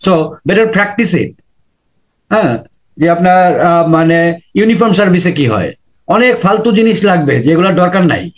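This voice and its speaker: Male teacher with a high voice and Bengali as his first language, lecture-style lesson with repeated examples. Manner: explains with examples, repeats key points, mixes in English phrases. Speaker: IELTS teacher.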